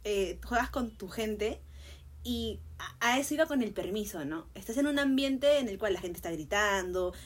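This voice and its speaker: A young adult woman in casual podcast chat, a lively storyteller who acts out quoted shouts. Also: mid-range voice, moderate pace.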